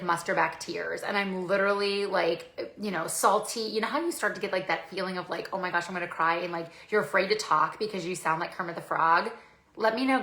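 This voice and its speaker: A woman in her forties talks straight to her viewers, story after story, peppered with "like" and little acted-out quotes. Her voice sits a bit low. The room around her gives back a clear echo. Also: fairly bright tone. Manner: chatty, many "like" fillers, acts out quotes. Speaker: vlogger. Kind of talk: casual storytelling to camera. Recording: echoey room.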